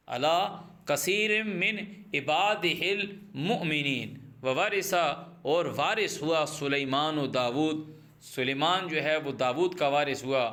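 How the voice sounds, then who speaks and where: A man with a bright, tense voice set a little high, teaching scripture line by line. He recites a verse slowly, then explains it in a quicker conversational flow, circling back to repeat his points. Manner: repeats phrases, speeds up when explaining examples. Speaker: Quran teacher. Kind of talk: verse-by-verse Quran translation and commentary.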